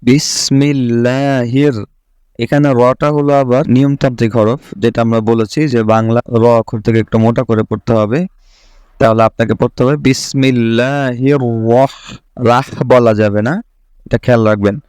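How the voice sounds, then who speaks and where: A man teaching how to pronounce the letters for Quran recitation, speaking slowly and carefully and repeating each sound for the learner to copy. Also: mid-range voice, steady tone, a little mellow, clear, resonant tone, dry recording. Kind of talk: step-by-step teaching of letter pronunciation.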